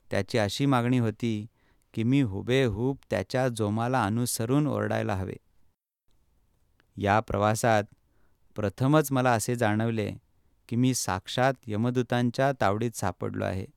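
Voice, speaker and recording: Male audiobook narrator, measured storyteller, crisp tone. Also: medium pitch, no echo, studio quality. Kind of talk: first-person audiobook narration.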